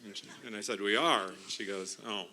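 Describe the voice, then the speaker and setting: A man's voice: fairly low pitch, fairly even intonation, sharp tone, a little hiss or hum. Earnest man sharing a church testimony. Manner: earnest, halting, with fillers and restarts. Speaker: mission trip team member sharing testimony. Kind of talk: emotional church testimony, partly read from notes. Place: church sanctuary.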